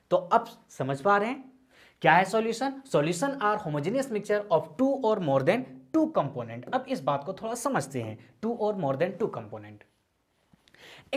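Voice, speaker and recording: A woman teaching a chemistry lecture, asking the class questions and then answering them herself, mixing English terms into Hindi. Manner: drops pitch on each answer.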